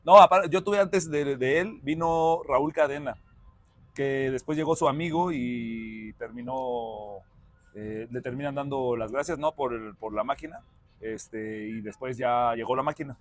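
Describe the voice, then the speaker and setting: A man with a Mexican Spanish accent hosting a casual interview, a lively storyteller who chuckles while telling anecdotes. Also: medium pitch, measured pace. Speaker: podcast host, former player.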